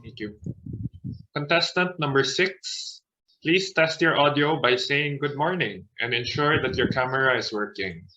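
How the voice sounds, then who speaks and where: A man's voice: medium pitch, bright, forceful tone, a little hiss or hum. Man chairing a contest over a video call. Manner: polite, procedural, measured. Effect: heard over a video call. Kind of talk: formal contest announcing. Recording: dull lo-fi video call audio.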